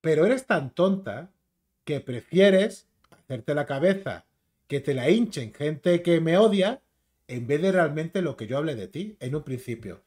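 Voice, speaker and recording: A man's voice: on the high side, lively intonation, unhurried, darkish tone. A man with a Spain Spanish accent ranting as a YouTube commentator, combative, mocking and insulting.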